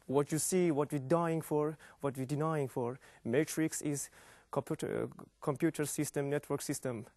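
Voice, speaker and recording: A man putting on a solemn, deep-voiced film mentor figure, reading the lines slow and grave. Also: fairly even intonation, darkish tone, natural voice.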